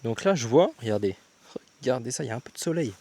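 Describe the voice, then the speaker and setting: This young travel vlogger is a fast talker with a medium-pitched, darkish voice and lively intonation. Chatting casually into his handheld camera, he calls his viewers "guys," uses slang, and thinks aloud with many fillers and restarts.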